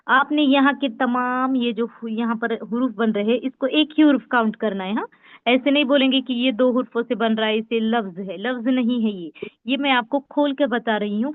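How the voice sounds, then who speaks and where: A woman with a slightly high voice leads an online class, sounding out each letter slowly and repeating it so it sticks. The audio is dry and narrow, like a phone line. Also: no room sound. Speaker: Urdu teacher. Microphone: online class call. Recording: tinny phone-like call audio.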